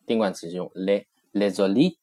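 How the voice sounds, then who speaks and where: A man's voice: fairly low pitch, moderate pace, warm tone. A man teaching a language lesson. He explains patiently, repeats each phrase several times and compares words with English. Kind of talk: recorded textbook lesson explanation.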